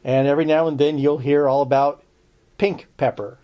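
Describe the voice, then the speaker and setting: A man's voice: fairly high pitch, fairly even intonation, moderate pace, lo-fi sound. A man giving a casual spoken lesson on herbs for a podcast, chatty and checking in with his listeners, with dry sarcastic asides. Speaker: herbal lore teacher on a podcast.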